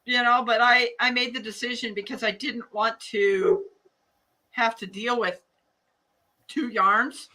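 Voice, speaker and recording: A woman's voice: a little high, fairly even intonation, a little slow, pauses often, sharp tone, poor audio. An older American woman with a Midwestern accent chats casually in a folksy, rambling way as she leads a live craft class. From United States. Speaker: hat loom craft class teacher. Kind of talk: casual live tutorial chat.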